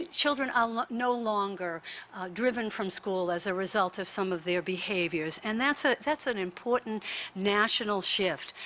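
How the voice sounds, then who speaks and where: A woman's voice: medium pitch, fairly bright tone. A woman giving an earnest prepared talk on a conference panel, hurrying and often restarting her words. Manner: earnest, rushed, with frequent restarts. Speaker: panel speaker. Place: conference room.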